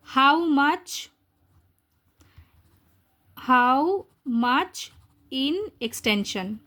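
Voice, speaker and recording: A young woman teaching an exam-prep English lesson, asking her students rhetorical questions and explaining the answers step by step. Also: a little high. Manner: lively, rhetorical questions, mixes Hindi and English.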